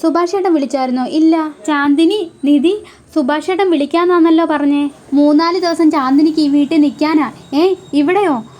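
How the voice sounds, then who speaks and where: A woman's voice: high-pitched, normal speed, darkish tone. A woman retelling a TV serial episode. She speaks every character's lines in turn and adds short asides saying who is talking.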